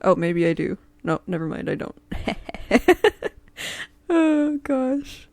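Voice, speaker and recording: A woman's voice: fairly high pitch, very animated, slow, darkish tone, no echo. A woman hosting a casual stream chat, rambling with many fillers and frequent giggles. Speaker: streamer and host.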